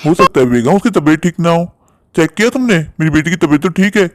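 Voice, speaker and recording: A caring cartoon father, voiced by a performer, gentle but stern when crossed. The voice sits at a middle pitch and is recorded dry and close. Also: lively intonation, fast, dry recording, natural voice. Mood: soothing. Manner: gentle with daughter, stern with wife. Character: caring father, adult man. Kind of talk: cartoon story voice acting.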